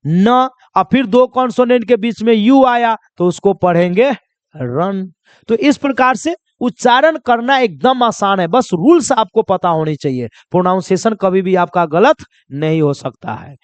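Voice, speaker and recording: A male pronunciation teacher with a high voice and lively intonation gives a classroom lesson, recorded with no room sound. He poses questions and answers them himself, repeats key points, and spells words out slowly.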